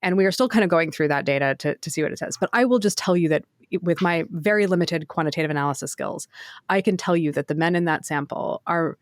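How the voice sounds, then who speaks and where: A woman co-hosting a casual podcast discussion, animated and quick to laugh, acting out quoted answers. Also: on the low side, no echo. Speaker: podcast co-host.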